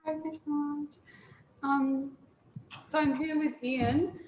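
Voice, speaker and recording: Quiet woman on a call, flat voice, little hiss behind. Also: high-pitched, takes it slowly, roomy sound, poor audio. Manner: soft-spoken, quiet. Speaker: yoga teacher. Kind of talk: video call update.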